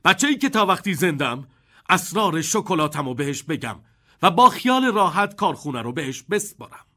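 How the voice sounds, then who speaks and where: A man's voice: on the high side, sing-song, bright, forceful tone, exaggerated voice. A man voicing an eccentric, kindly old chocolate maker in an audiobook, with a theatrical, chuckling delivery.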